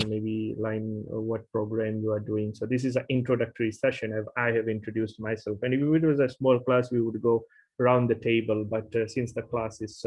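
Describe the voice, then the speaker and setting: A man's voice: fairly low pitch, darkish tone. A middle-aged man from Fiji, a university lecturer, opening an online programming class with many fillers and restarts. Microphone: video call. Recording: dull lo-fi video call audio.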